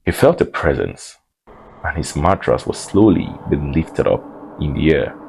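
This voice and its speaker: Deep, gravelly storytime narrator man. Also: animated, measured pace, darkish tone, slight background noise, low-quality recording. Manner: laid-back, joking asides between eerie retelling.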